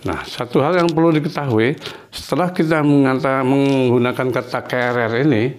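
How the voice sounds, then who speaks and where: A man teaching a language lesson, patiently explaining and repeating words and verb forms slowly. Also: mid-range voice.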